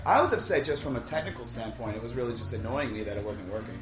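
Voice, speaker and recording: A man's voice: mid-range voice, lively intonation, fast. A man hosting a casual podcast chat with a group, recorded in a living room. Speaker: podcast host. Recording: echoey living room, away from mic.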